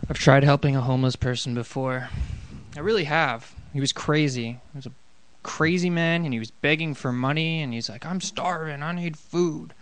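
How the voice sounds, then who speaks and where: A man's voice: mid-range voice, brisk, clear, resonant tone. A man in a casual podcast chat, telling an anecdote and defending himself. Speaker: podcast guest.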